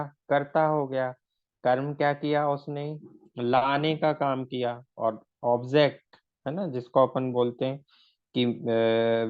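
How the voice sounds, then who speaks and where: A male shorthand teacher gives a recorded lesson in a smooth, medium-pitched voice with phone-quality sound. He walks through things step by step, poses questions and answers them himself, and slips English words into his speech.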